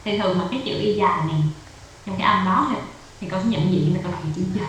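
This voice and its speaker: A woman's voice: mid-range voice, fast, a bit bright. A woman tutoring a child in English over a video call, patiently explaining step by step, with a Vietnamese accent. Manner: patient, repeats and explains step by step, code-switches with English drills. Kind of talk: online English lesson for a child. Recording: echoey room, faint noise.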